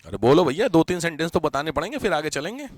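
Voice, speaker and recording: A man teaching a Hindi grammar class, repeating examples slowly, often asking the students whether they have understood and mixing English words into his Hindi. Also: on the high side, very animated, dry recording. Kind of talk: classroom lecture.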